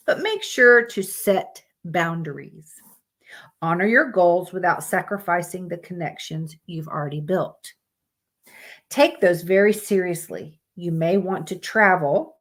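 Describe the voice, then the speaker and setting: A woman streaming live, reading out monthly horoscopes in a casual way and breaking off with blunt, swearing asides. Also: fairly low pitch. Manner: reads aloud plainly, breaks off with swearing asides.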